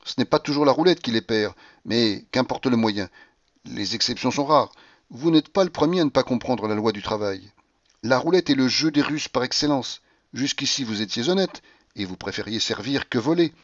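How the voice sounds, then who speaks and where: A man reading the part of an earnest, stern English gentleman, speaking in a solemn, lecturing way. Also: medium pitch, animated, moderate pace, dry recording, highs cut off, close to an everyday voice. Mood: reproachful.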